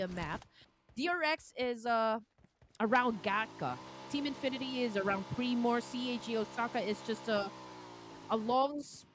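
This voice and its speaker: A woman calling live esports play-by-play in an energetic, hype-building way. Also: medium pitch, a little hiss or hum. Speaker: esports caster.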